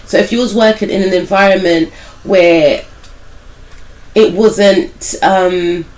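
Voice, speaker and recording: A woman with a cold-roughened, mid-range voice reads tarot slowly and conversationally for viewers. As a tarot reader and spiritual life coach, she rambles, tempers each claim with "I feel like," and speaks directly to "some of you."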